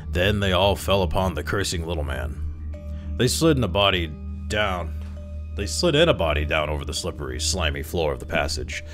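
A man calmly reading a classic short story aloud as narrator. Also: deep voice, moderate pace, soft background music. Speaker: story reader.

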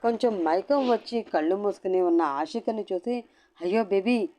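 A woman narrating a serialized love story with a steady storytelling delivery. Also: mid-range voice, moderate pace.

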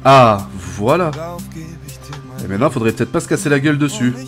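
A young gaming YouTuber with a medium-pitched voice talks rapid-fire, giving casual, chatty gameplay commentary. He bursts into excited shouts and laughs, with faint music behind him.

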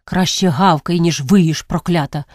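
A woman reading aloud and voicing a kind-hearted young village man with a soft, pleading way of talking that flares into curses. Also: on the low side, measured pace, no room sound, studio quality. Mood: angry. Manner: tender and pleading, flaring into curses.

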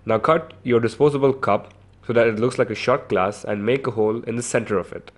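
A man's voice: mid-range voice, brisk. Man talking into a handheld voice recorder. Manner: relaxed and chatty, with frequent "uh" fillers. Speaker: craft tutorial host. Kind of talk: casual step-by-step how-to instructions.

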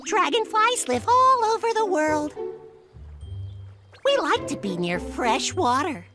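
A woman voicing a friendly dragonfly who explains things simply and deliberately in a children's educational cartoon. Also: very high-pitched, very animated, music in the background, heavily acted. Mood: friendly, informative. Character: bright, friendly, high-voiced dragonfly.

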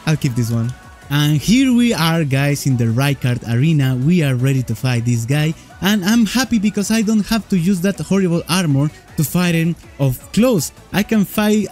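A young man with a high, very animated voice commentates on gameplay. He is exuberant and exclamatory, speaking close to a desk mic while music plays behind him. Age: young adult. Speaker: gaming streamer. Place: indoor gaming room. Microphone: desk microphone close to mouth.

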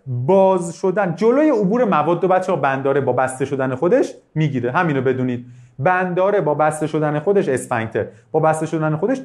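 A male teacher giving a live online biology lesson, asking students questions and praising their answers. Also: a little high. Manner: lively, asks students questions, bursts of praise. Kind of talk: live online class lecture.

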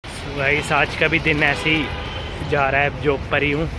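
A man's voice: on the high side, little pitch movement, a little slow, low-quality recording. A young man in his twenties vlogging to a phone held at arm's length, chatting casually and upbeat on a city street and in a gym, laughing easily with friends. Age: 20s. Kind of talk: casual vlog chat to camera. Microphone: phone camera held at arm's length. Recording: loud background music over the voice.

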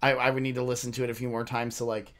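Male reaction streamer, medium pitch, casual and rambling commentary delivered off the cuff. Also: completely flat delivery, rapid-fire, a bit bright.

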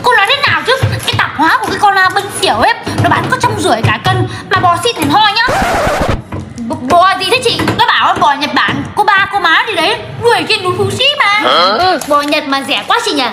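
A woman performing all the parts of a comedy skit with quick, teasing banter. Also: very high-pitched, very animated, reverberant. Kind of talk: comedy skit role-play. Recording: music playing clearly behind.

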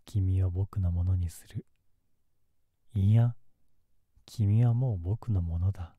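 A man playing a possessive, lovesick young man in an ASMR role-play, speaking softly and close to the mic with quiet, obsessive menace. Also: low-pitched, steady tone, moderate pace, husky, dry recording, phone-quality sound. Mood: menacing, possessive. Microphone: close ASMR microphone in a dry space.

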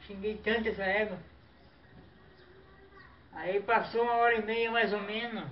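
A man telling a comic story as a clown, animated and full of exaggerated exclamations and sound effects. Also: sits high, normal speed. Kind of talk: comic storytelling duo routine. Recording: distant, dull mic with faint noise.

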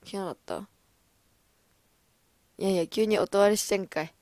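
A young woman in her twenties hosting a casual livestream, chatting with viewers, laughing often and breaking into loud excited bursts. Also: medium pitch, moderate pace, no echo. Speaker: idol livestream host. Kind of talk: casual livestream chat reading comments.

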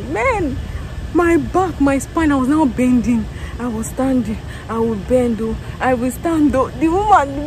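Brief: young woman, worn out after work, lively storytelling vlog, phone mic outdoors with clear street noise. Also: a little high. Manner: tired, animated storytelling with laughs and exclamations. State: tired. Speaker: vlogger. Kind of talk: casual vlog chat. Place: outdoors in a parking lot beside a factory building. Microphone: phone at arm's length.

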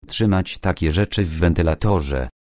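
A man voicing a calm, ironic retired detective in his later years, talking in a low, measured, quietly commanding way in an audiobook. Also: no room sound, studio quality, natural voice.

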